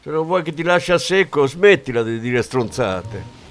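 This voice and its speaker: A man reading an audiobook, voicing a brash young woman who is foul-mouthed and fierce in a raised, sharp voice. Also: lowish voice, lively intonation, measured pace, dry recording. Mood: furious.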